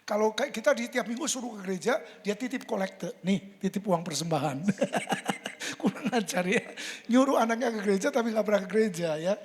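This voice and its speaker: An older pastor, in his sixties, preaching in a big church where the voice rings out with a long reverb. The voice sits at a middle pitch, and the delivery is lively, with frequent laughs and quoted lines acted out. The storytelling runs loose and conversational. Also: brisk. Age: 60s. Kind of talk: sermon. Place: church sanctuary.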